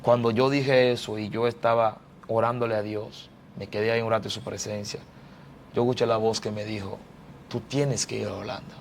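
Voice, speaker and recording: A man's voice: lowish voice, level tone, brisk, a little hiss or hum. A man from the Dominican Republic telling his life story as a prophet and pastor in a church interview, fervent and repeating phrases like a preacher.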